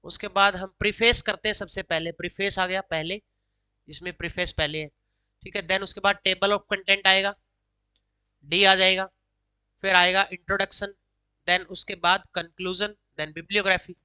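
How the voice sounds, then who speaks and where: A woman teaching exam solutions, reading each English question slowly, then explaining quickly in Hindi mixed with English. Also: mid-range voice, steady tone, bright, forceful tone, clear, resonant tone, dry recording, poor audio. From Haryana, India.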